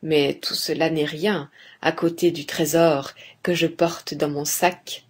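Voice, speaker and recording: Woman voicing a calm young craftsman. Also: low voice, slow pace, slightly rough, exaggerated voice. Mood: boasting. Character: young male turner, calm and confident.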